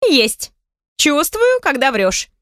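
A pushy, teasing pregnant girlfriend from an audiobook, her voice climbing high and bright with excitement, as a woman narrator puts her on. She talks in a dry, close recording. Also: moderate pace, dry recording. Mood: teasing, excited. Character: chatty nosy pregnant young woman friend. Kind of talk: audiobook character reading.

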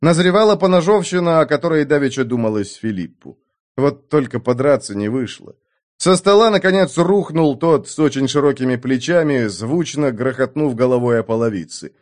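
A mid-pitched man narrates an adventure novel at normal speed in expressive audiobook style, giving the action scenes a lively, dramatic delivery.

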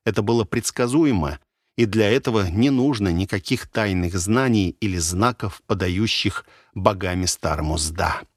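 A man with a fairly low voice reads a fantasy novel aloud as an audiobook narrator. His delivery is measured and dramatic. The recording is dry and close, with no echo.

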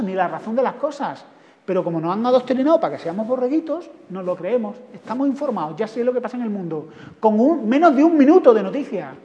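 Animated Spanish man giving a talk. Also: high-pitched. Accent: Spain. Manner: animated, wry, rhetorical questions. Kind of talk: lively public talk. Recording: dull echoey hall.

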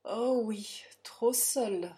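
A woman's voice: mid-range voice, animated, moderate pace, darkish tone, close to an everyday voice. Woman doing a blustering pompous captain. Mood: faint. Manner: indignant, stammering bluster. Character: pompous English captain, blustering then cowed.

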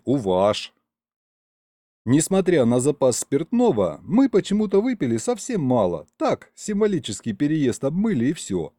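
Man narrating a lively audiobook. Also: medium pitch, no echo, clean studio sound. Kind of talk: first-person audiobook narration.

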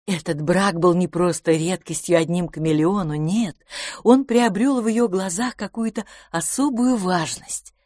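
Woman, audiobook narrator, lowish voice, lively intonation, dry close recording. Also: a little slow, no room sound.

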